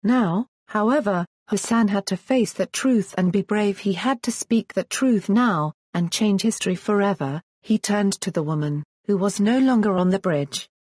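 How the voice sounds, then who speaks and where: A woman narrating a fantasy storybook in a measured, even reading voice. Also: mid-range voice, husky, no echo, studio quality. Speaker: audiobook narrator.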